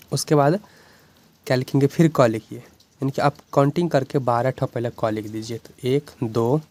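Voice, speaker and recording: A man's voice: medium pitch, steady tone, normal speed, darkish tone. Patient man teaching the Hindi alphabet. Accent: Bihari Hindi. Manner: patient, repeats "ठीक है ना" often. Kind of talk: explanatory lesson.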